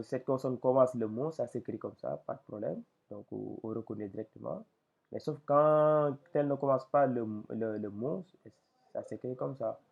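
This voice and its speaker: A man teaching Arabic letters in a lesson, speaking slowly and hesitantly with many fillers and a gravelly voice. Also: mid-range voice. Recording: tinny lo-fi phone-like audio.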